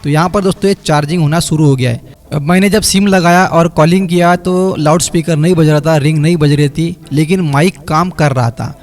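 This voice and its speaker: In this voice-over tutorial, a phone repair technician walks through his work step by step, treating viewers as friends. His slightly high voice stays steady and brisk, with light music under it.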